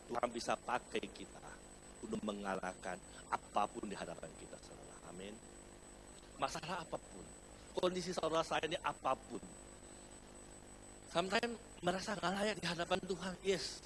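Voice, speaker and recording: A man's voice: a little high, moderate pace, long pauses, slight background noise. A middle-aged male pastor from Indonesia telling a personal story in a sermon, calling the congregation brothers and sisters and slipping in English words. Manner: animated storytelling, addresses congregation as saudara, mixes in English words. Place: church hall.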